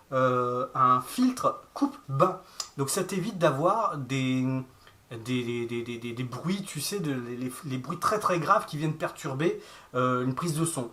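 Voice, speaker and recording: A man's voice: fairly high pitch, fairly bright tone. A man filming a casual unboxing vlog, speaking straight to the viewer in a chatty, informal way through a camera-mounted shotgun mic. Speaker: vlogger reviewing gear.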